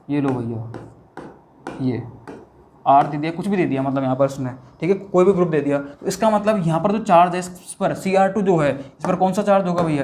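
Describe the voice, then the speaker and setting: Slightly high and darkish in tone, this man's voice comes through with a bit of background noise. He teaches chemistry at a whiteboard, chatting casually, asking himself questions and then answering them, with frequent "bhaiya" and "theek hai."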